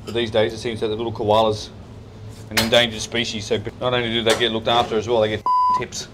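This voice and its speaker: A man's voice: mid-range voice, huge pitch swings, fast talker. A male head chef talking informally about kitchen work, blunt and matey. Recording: noisy kitchen background.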